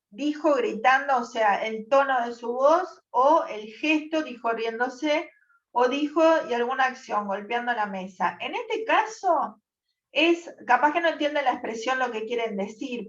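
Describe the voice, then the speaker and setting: A woman's voice: fairly high pitch, distant mic, lo-fi sound. A woman teacher, patiently explaining a text to a class and checking in with short questions. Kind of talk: online class lesson.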